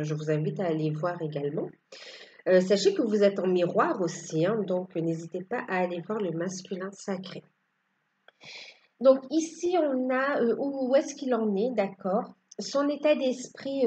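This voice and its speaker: A woman's voice: mid-range voice, dark tone, lo-fi sound, slight background noise. A woman giving a casual tarot reading to her viewers, hesitant and full of fillers. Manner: hesitant, many fillers and restarts. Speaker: tarot card reader.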